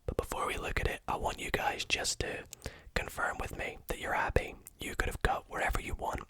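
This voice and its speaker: A magician giving a whispered ASMR tutorial, gently explaining things step by step. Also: fairly quick. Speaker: magician teaching a card trick.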